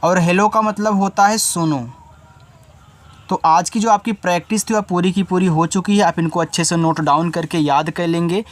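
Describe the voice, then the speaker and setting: A man teaching an English spelling lesson, patiently spelling each word out letter by letter and repeating each meaning twice. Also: steady tone. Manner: spells words out letter by letter slowly, then says the word lower and quieter.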